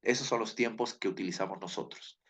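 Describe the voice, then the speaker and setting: A man's voice: on the low side, fairly quick, a bit bright. A man giving a classroom lecture, telling a story and acting out the people in it, repeating his key points. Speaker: teacher.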